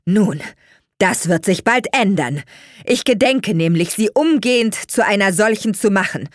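A woman's voice: medium pitch, animated, unhurried, no room sound, clean studio sound, voice pushed up, natural voice. A woman voicing a firm, indignant young man standing up to his parents in an audiobook reading. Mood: firm defiant.

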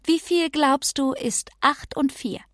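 Woman doing a patient, measured schoolteacher. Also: sits high, fairly bright tone, no echo, studio quality, voice pushed up. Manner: slow, measured and instructive. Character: patient but strict female schoolteacher.

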